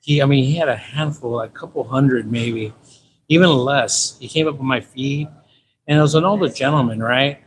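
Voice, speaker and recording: With a mid-range voice at a normal speed, this San Diego man in his fifties chats casually on his livestream. His Californian American accent carries loose, slangy storytelling that circles back on itself, and the ambient audio is noticeably noisy.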